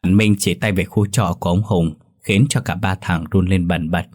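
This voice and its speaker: A man narrating a scripted horror story in a steady, even storytelling voice. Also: low-pitched, normal speed.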